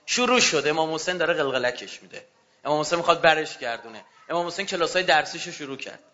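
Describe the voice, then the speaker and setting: A man preaching a fervent religious sermon to a gathering, swinging between loud outbursts and hushed low passages. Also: lively intonation, muffled recording.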